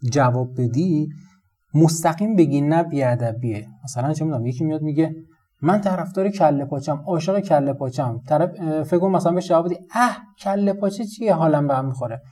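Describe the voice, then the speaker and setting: A man's voice: fairly high pitch, lively intonation, mellow, slightly rough. Chatty man teaching English phrases. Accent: Persian. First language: Persian. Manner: chatty, explains with everyday examples and repeats English phrases slowly. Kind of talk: casual spoken lesson.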